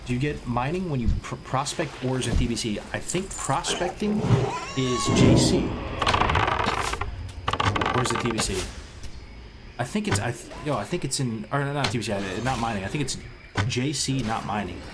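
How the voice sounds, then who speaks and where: Stuffed up and sniffling with a cold, this streamer chats loosely with his audience in a medium-pitched voice that swoops wildly, at normal speed with long pauses. He rambles, restarts his sentences, and uses plenty of gamer slang, with heavy background noise and clearly audible music behind him.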